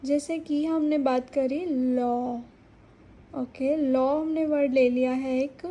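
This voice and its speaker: A woman's voice: sits high, fairly even intonation, slow, warm tone, muffled recording. A young woman teaching a shorthand lesson, patiently repeating words to sound out each vowel. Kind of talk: explaining a stenography lesson.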